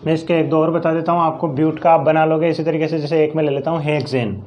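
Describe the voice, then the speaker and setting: A male science teacher with a fairly high voice and a Rajasthani Hindi accent, teaching a chemistry lesson step by step. He counts aloud and poses his own questions before answering them. A faint hiss sits under the recording. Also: steady tone, fast talker, darkish tone.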